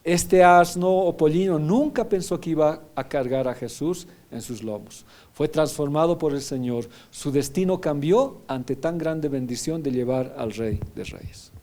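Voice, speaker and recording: Pastor preaching in a mellow voice. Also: male voice, a little high. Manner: teaching, often checking in with "¿ya?". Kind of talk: sermon.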